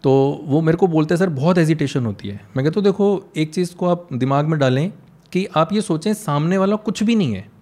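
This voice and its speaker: A man with a fairly high voice and a slight Punjabi tinge to his English, chatting casually. As an English teacher, he tells stories with earnest conviction and mixes Hindi and English freely. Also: expressive, fairly quick, a little mellow. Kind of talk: casual conversation.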